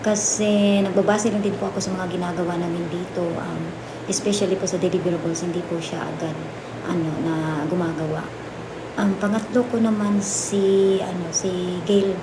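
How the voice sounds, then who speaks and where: A woman's voice: lowish voice, normal speed. A woman nominating housemates, hesitant and full of fillers. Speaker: reality show housemate. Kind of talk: nomination confessional. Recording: echoey room with steady noise.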